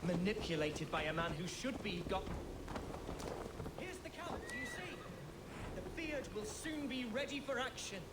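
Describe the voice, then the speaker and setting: A man's voice: high-pitched, animated, normal speed, heavy background noise. A man playing an earnest young Saxon nobleman in a video game, declaiming righteously in formal old-fashioned phrases. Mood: conversational. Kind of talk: video game dramatic acting. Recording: echoey, loud outdoor game ambience.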